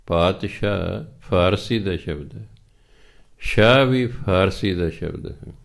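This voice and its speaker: A man with a Punjabi accent giving a scripture sermon, reciting verses slowly and then explaining them patiently in plain talk. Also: lowish voice. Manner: patient, teacherly, repeats points.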